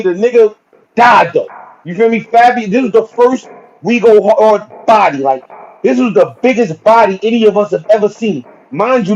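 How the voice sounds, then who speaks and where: A man's voice: high-pitched, darkish tone, highs cut off. A man, a guest battle rapper talking in a casual podcast chat, emphatic and heavy on street slang. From Brooklyn, New York. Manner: street slang, emphatic, repetitive "you feel me".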